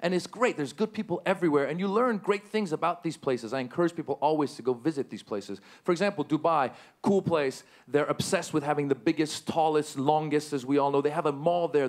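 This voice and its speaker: A male stand-up comedian working a live audience from a stage mic. He is animated, often jumping into high-pitched outbursts. His voice sits a little higher than the average man's. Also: brisk, few pauses.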